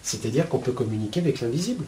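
Guy rambling through a spiritual lesson, super casual, says hein a lot, mellow voice that bounces around in pitch. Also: expressive, racing, a little hiss or hum. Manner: colloquial, full of "hein" and "euh" fillers; chatty, explains with homely metaphors. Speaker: spiritual teacher. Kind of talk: casual spoken teaching to viewers.

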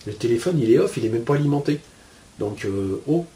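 A man teaching spiritual ideas in a loose, colloquial way. His pitch swings widely as he talks, and he throws in blunt slang and constant little asides. He sounds like he is explaining things at a board. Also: expressive, brisk, mellow.

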